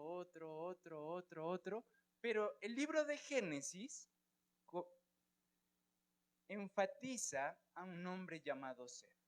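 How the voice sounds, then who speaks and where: A man with a Colombian Spanish accent teaching a church Bible class, often checking in with his students and asking them questions. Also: high voice.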